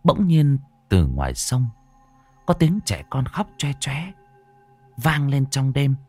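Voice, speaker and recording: A man narrating a ghost story in a dramatic style, dropping to a hush and then surging. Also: medium pitch, huge pitch swings, slow pace. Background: faint music.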